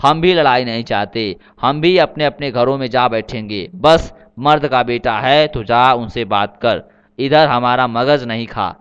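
A man's voice: medium pitch, a little slow, fairly bright tone, clear, resonant tone, muffled recording, close to an everyday voice. A man voicing a fat, hot-tempered butcher who talks down scornfully at a young man in a storybook reading. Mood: furious.

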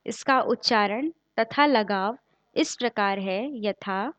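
A woman giving a formal lesson on a classical raga, explaining in measured terms and reciting note names in a steady, deliberate way. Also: medium pitch, no echo. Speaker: music teacher. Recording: dull, dry lo-fi recording.

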